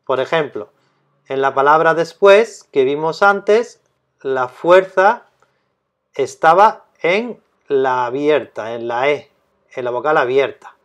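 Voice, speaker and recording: Man teaching, slow and repetitive. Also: fairly high pitch, animated, a bit bright. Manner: slow, deliberate, repeats key terms. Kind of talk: grammar lesson explanation.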